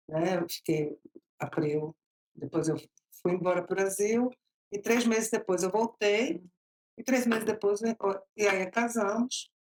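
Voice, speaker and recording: Heard on a low-quality recording, a woman's medium-pitched, somewhat mellow voice tells her story in an interview. She's in her fifties, from Bahia, with a Bahian Portuguese accent, chatty, laughing frequently and speaking in slow, stretched-out phrases.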